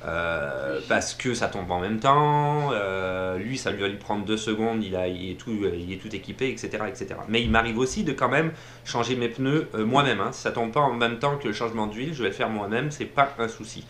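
A man's voice: lowish voice, fairly quick, a bit bright. Man, casual advice vlog, chatty with lots of fillers, echoey room, faint hum. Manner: chatty, many fillers and restarts, laughs at himself. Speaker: vlogger. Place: home in Montreal area.

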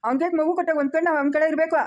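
A woman playing a sharp-tongued scolding village elder. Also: sits high, steady tone, rapid-fire, dull audio, lightly acted. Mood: lecturing. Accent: rural Chikkaballapur Kannada. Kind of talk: village family skit.

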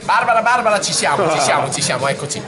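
A man's voice: high voice, expressive, fast talker, crowd noise. A man as host, introducing an interview in a jokey mock live-broadcast style in a pizzeria. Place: restaurant pizzeria.

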